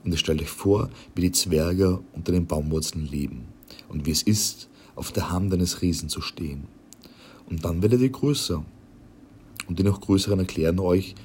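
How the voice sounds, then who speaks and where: Brief: tiny fat king, proud and musing, deep low voice, read by a man. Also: a little hiss or hum, close to an everyday voice. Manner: calm, musing, explaining. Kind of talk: audiobook character reading.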